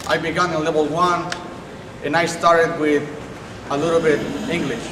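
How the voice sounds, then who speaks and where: A young adult man, an English language student, delivers a prepared speech in a small indoor classroom at night, sounding earnest and careful, restarting now and then. His voice is a little high for a man, flat in delivery and at normal speed. A distant room microphone captures him in a very echoey space, with clear ambience and background noise.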